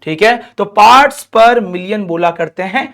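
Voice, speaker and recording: Male teacher, high voice, lively coaxing lecture, draws out key terms. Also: creaky. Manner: lively, coaxing, often asks students questions; stretches out key terms slowly. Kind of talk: classroom lecture to students.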